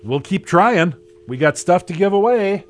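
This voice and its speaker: A man's voice: high-pitched, animated, a little slow. A man hosting a radio call-in giveaway in a jokey, teasing way, humming while the phone rings. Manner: jokey, hums along to the ringing phone. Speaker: radio show host. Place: radio studio.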